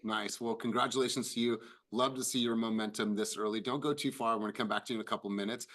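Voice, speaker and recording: A man's voice: lowish voice, fairly even intonation, quick pace, a bit bright, slight background noise. A man hosting a team meeting over a video call, upbeat and congratulatory as he calls on agents.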